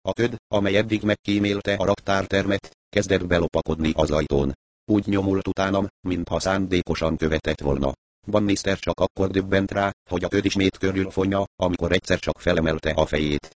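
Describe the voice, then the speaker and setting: A man narrating an audiobook in a steady storytelling manner. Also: sits low, no echo. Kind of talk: scripted narration.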